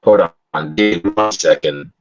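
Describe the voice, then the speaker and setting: A man hosting a casual interview who talks haltingly with restarts, his corrupted, glitchy audio cutting out. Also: deep voice, dull audio, soft background music. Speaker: interview host.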